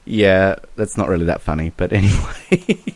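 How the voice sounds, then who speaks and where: A young man chatting on a podcast, his pitch bouncing up and down as he tells a story. He laughs often and fills his talk with "like" and "um". The sound is close and dry, with no room around it. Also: unhurried, no room sound. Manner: animated, laughing, many fillers like "like" and "um". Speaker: podcast co-host. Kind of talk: casual chat.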